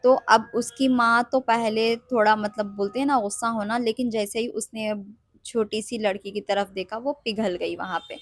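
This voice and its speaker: A woman's voice: fairly high pitch, steady tone, normal speed, no echo. A young woman who works as a manifestation coach tells a client's story in a casual, chatty way. She mixes in English phrases and often checks that her listeners follow.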